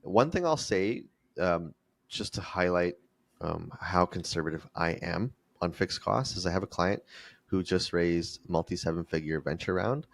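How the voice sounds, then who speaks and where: A man's voice: sits low, expressive, moderate pace, gravelly, no echo. A man explaining financial figures step by step, in a didactic interview style. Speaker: finance expert guest, fractional CFO. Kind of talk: explanatory interview talk with numbers.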